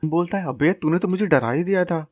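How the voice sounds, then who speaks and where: Young male recap narrator, slangy and joking, slightly high voice, dry close mic. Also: fairly quick, a little mellow, dry recording. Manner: slangy, joking asides, acts out lines. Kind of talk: casual recap storytelling.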